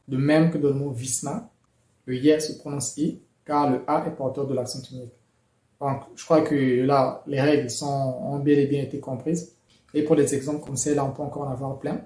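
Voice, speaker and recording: A man explaining pronunciation rules in a measured, methodical lesson, with occasional fillers. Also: medium pitch, dark tone, echoey room. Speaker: language teacher.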